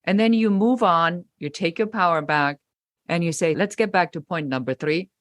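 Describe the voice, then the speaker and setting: A woman's voice: lowish voice, normal speed, no room sound, clean studio sound. A woman guest on a podcast, speaking emphatically and acting out the remarks she quotes. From Germany. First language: German. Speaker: podcast guest, business coach. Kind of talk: interview conversation.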